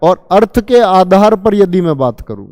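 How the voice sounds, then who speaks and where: A man's voice: high-pitched, lively intonation, unhurried, darkish tone, no room sound, studio quality, big-room sound. A male teacher giving an exam-prep grammar lesson, asking his students questions and then answering them himself. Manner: calls listeners children. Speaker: Hindi teacher.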